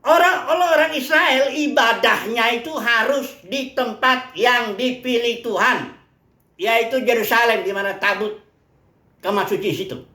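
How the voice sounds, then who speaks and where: A woman's voice: a little high, measured pace, sharp tone, echoey room. A woman preacher from Indonesia teaching a Bible lesson conversationally, asking questions and answering them herself. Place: place of worship.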